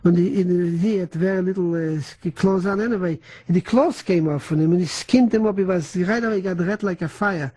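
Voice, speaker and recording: An older man who is not a native English speaker gives oral history testimony in a halting way, full of restarts and German words. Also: sits high, mellow, husky, rough recording. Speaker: interviewee.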